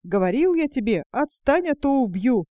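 A woman's voice: on the high side, big pitch swings, moderate pace, warm tone, dry recording, studio quality. A woman voicing a lazy, foolish young peasant man in a fairy tale, grumbling and blustering.

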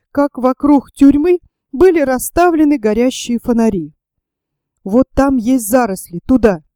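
Reading a novel in an even, measured audiobook manner, the woman narrating has a voice that sits a bit high yet sounds mellow and dark. The close, dry recording has no room sound.

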